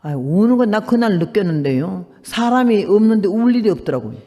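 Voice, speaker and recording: A woman's voice: medium pitch, lively intonation, a little fast, dark tone. An elderly woman in her eighties gives a fervent testimony sermon. She tells the story with emphasis and acts out the people she quotes. Her voice carries a long hall reverb. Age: 80s. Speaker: missionary preacher.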